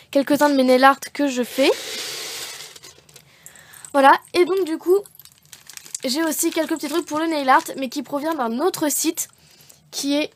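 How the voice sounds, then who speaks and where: A woman chatting casually as she shows off craft and nail art supplies, rambling and correcting herself as she goes. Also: high-pitched. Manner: chatty, rambling, self-correcting with many fillers. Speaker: beauty vlogger showing craft supplies. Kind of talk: casual unboxing chat.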